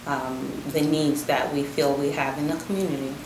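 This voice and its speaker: A woman working as a community outreach liaison, answering interview questions in a measured way with frequent fillers. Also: low voice, fairly even intonation, a crowd in the background. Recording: echoey room with noise.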